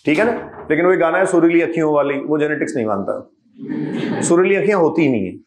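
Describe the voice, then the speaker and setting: High, animated male biology teacher. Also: brisk, echoey room. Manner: animated, quizzes students with rhetorical questions. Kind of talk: exam revision lecture.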